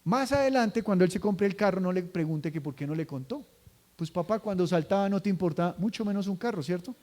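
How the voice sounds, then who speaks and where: A high-pitched man delivering a sermon in a chatty, everyday way. He slips into quoted voices to act out little scenes and keeps checking in with the listeners through quick tag questions. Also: lively intonation, a little mellow. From Colombia. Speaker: pastor.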